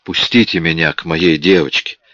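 A man's voice: low voice, fairly even intonation, moderate pace, fairly bright tone, no room sound. A man reading an audiobook, voicing a huge, desperate father who pleads and rages. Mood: pleading. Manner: pleading then roaring in rage. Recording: dull lo-fi audiobook recording.

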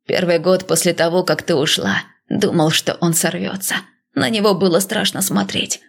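A woman reads aloud the part of a gentle male god, whose fairly low voice is soft, hesitant and slightly gravelly. He offers reassurance in a measured, cautious way, much like a calm deity in an audiobook.

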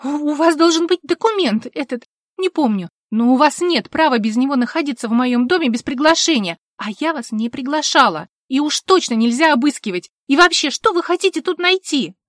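A frightened young shopkeeper protests in a shrill, panicked voice in an audiobook, as a woman reader plays her. The sound is dry and close. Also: lively intonation, unhurried, darkish tone, slightly rough, no echo. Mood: flustered.

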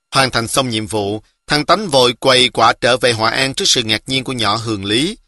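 Bright male storyteller. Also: medium pitch, dry recording, clean studio sound. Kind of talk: reading a children's novel aloud.

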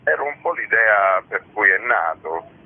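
In muffled, lo-fi radio audio, a festival organiser gives a conversational interview. His voice is on the low side, expressive and a bit rough, and he speaks at a measured pace, frank, discursive and matter-of-fact.

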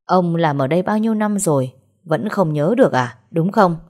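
Woman playing a cold furious young male boss, clipped threats, low mellow tone, audio story. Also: lively intonation, moderate pace. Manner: clipped, menacing.

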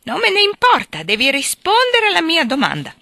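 A woman reading aloud, voicing a brutish, drunken young nobleman who shouts and bullies. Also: a little high, very animated, moderate pace, dry recording, full character voice. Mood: shouting. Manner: loud, shouting, coarse.

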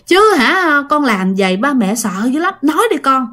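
A woman's voice: sits high, big pitch swings, normal speed, pushed and bright, heavily acted. A woman voicing a frightened mother pleading with her silent son. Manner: pleading, repetitive.

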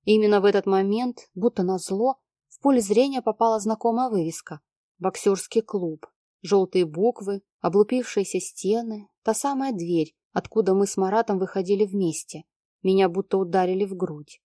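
A woman's voice: medium pitch, moderate pace, mellow, no room sound, studio quality. A young woman reading a first-person story aloud as narrator.

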